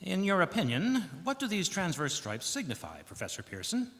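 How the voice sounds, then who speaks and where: A man's voice: high voice, wildly swooping pitch, moderate pace, a bit bright, heavily acted. A man playing an earnest, inquisitive 1930s radio news reporter with formal announcer phrasing in a live drama. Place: church hall stage, live performance. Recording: live in a reverberant hall.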